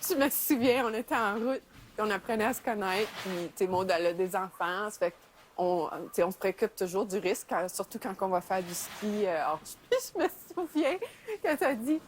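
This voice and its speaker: A middle-aged woman from Sudbury, Northern Ontario, Canada, recalls her mountaineering in a casual documentary interview, chatting with many fillers and laughing often. Her medium-pitched voice moves fairly quickly, and there's a slight hiss or hum on the recording.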